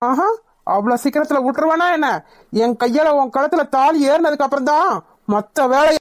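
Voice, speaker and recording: A woman voicing a bossy, threatening male gang leader in a cartoon, with gruff threats. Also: high-pitched, normal speed, no room sound, studio quality, close to an everyday voice. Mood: gloating.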